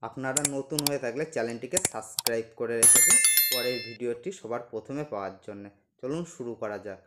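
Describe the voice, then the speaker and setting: A man teaching a language lesson, slowly repeating each word several times for learners to copy. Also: mid-range voice, very noisy. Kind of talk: slow repetitive pronunciation lesson.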